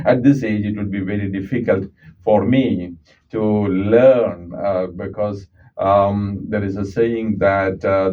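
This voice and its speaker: Heard far from the mic on a lo-fi recording with slight hiss or hum, a man with a low-leaning, mellow voice speaks as an audiologist guest in a radio studio. He's from Kerala, a native Malayalam speaker with a South Indian accent, and he explains earnestly, often saying "uh" and "okay."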